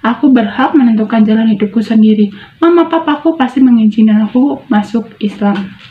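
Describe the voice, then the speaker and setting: A woman's voice: a little high, brisk, slight background noise, lightly acted. Woman voicing an earnest, ailing teenage boy. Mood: tender pleading. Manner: slangy Jakarta-style boy talk, earnest. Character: sincere, gravely ill teenage boy. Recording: tinny, phone-like, echoey room.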